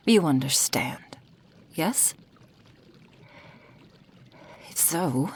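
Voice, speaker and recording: A woman with a husky bass voice gives a full character performance in an ASMR roleplay as a menacing, possessive fox-spirit witch. Cold and domineering, she is cruelly affectionate and condescending, frequently slipping into whispers.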